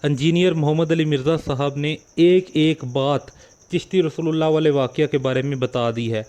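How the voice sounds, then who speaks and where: A man's voice: a little high, steady tone, moderate pace, a little mellow. A man hosting a religious video channel, speaking directly to viewers and posing rhetorical questions. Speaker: channel host. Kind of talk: video introduction and commentary.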